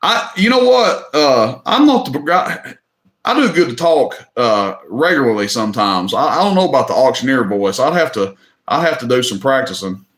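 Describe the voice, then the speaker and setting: A middle-aged Tennessee man with a Southern drawl hosts a live online auction, his mid-range voice very animated and a bit bright at normal speed in a reverberant space. He keeps the casual livestream chat folksy and joking, tossing out plenty of "y'all."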